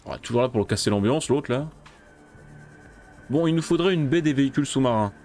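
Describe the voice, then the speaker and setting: A gameplay streamer doing casual let's-play commentary, this man has a mid-range, slightly mellow voice that's expressive and fairly quick. He's jumpy, chatting to the game's creatures and yelping whenever something startles him.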